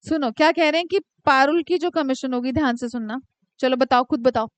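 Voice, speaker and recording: A woman teaching commerce to a class, dictating questions slowly and teasing students by name. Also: high voice, clear, resonant tone, dry recording. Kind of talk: live classroom lecture.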